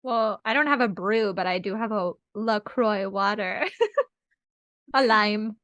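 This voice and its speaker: A woman's voice: medium pitch, slow pace, a bit bright, no echo. A young woman co-hosting a casual book podcast, giggly and a little scattered as she talks. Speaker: podcast co-host. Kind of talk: casual chat.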